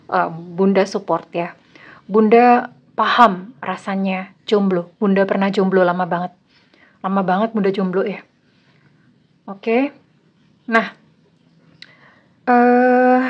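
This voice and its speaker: Chatty woman reading tarot, lo-fi. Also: mid-range voice. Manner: chatty and teasing, loose everyday slang. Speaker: tarot reader. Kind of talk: casual tarot reading to viewers. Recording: slightly dull lo-fi sound.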